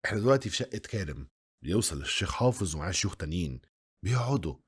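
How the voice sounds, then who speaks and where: A man's voice: sits low, sing-song, racing, slightly rough. A man with an Egyptian Arabic accent narrating a film review video essay, analytical and full of rhetorical questions.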